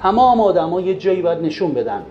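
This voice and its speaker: A man giving a lively talk on raising children, pressing the listener with rhetorical questions. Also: sits high, highs cut off. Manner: asks many rhetorical questions. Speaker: religious parenting speaker. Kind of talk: lively lecture retelling a story. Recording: roomy echo with faint music.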